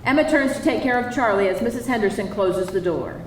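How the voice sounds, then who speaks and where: A woman with a slightly high, expressive, brisk voice narrates screenplay stage directions at a live table read. She sounds distant in an echoey live hall with faint noise.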